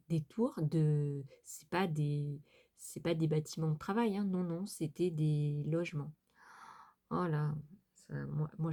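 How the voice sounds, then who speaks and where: A middle-aged woman from France talks to her craft channel's viewers in a low, mellow voice. She rambles casually, circling back with fillers and restarts. Her tone stays soft and unhurried, never sharp. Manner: hesitant, many fillers and restarts, chatty asides. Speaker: sewing and crafts vlogger.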